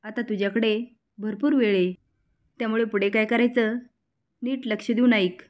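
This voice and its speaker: A woman's voice: on the high side, steady tone, moderate pace, a little mellow, close to an everyday voice. A woman voicing a scheming middle-aged woman who gives orders over the phone in a cool, conspiratorial way.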